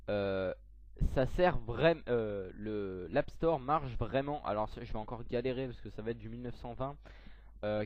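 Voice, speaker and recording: A young man talking through a software tutorial on his computer, hesitant, with lots of fillers and self-corrections. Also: medium pitch, dry recording. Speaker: tech tutorial youtuber. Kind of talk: screen-recorded software tutorial. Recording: dull lo-fi mic, dry.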